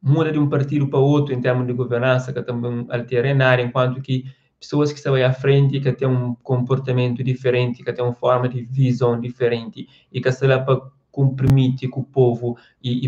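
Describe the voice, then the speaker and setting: A man's voice: medium pitch, a little mellow, lo-fi sound. A man hosting a casual live stream, reading out viewer comments and talking at length, often stopping to ask "você entende?". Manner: rambling, with restarts and frequent "você entende?".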